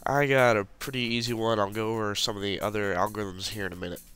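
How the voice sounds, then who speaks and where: This fairly quick speaker is a man with a low-leaning voice, fairly even intonation and a smooth, slightly bright tone, with soft music in the background. Congested and sniffling from the flu, he casually talks through a puzzle tutorial on a screen recording, clicking through the steps as he goes.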